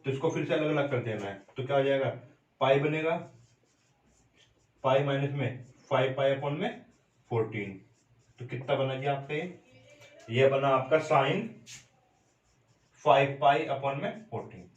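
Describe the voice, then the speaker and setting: A male maths teacher works through a problem at an even, medium pitch, stopping again and again to ask his students what the result is. The sound is roomy and echoey, and he sounds some distance from the microphone, as if he is standing at a classroom board. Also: measured pace, long pauses, highs cut off. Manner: steady step-by-step explaining, repeated check-in questions to students. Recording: roomy echo, voice from off mic.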